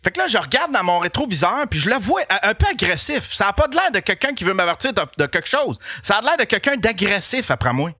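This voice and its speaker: A man with a Québécois accent, a podcast host telling a comic story in an animated, profane way and laughing as he goes. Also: sits high, fast, few pauses, dry recording. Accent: Québécois French.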